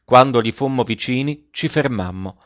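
A man narrating a storybook in a steady, measured reading. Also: mid-range voice. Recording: dull lo-fi recording.

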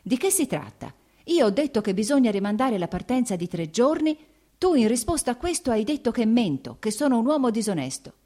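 A woman's voice: on the high side, very animated, brisk, mellow, voice pushed up. A woman reading the lines of a proud young nobleman, clipped and tersely restrained. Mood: exasperated.

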